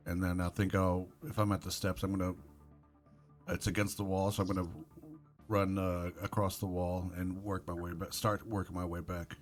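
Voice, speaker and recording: A man's voice: low-pitched, flat delivery, moderate pace, faint music behind. A man playing a tabletop role-playing game, speaking in a rambling, casual way and laughing easily. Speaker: player.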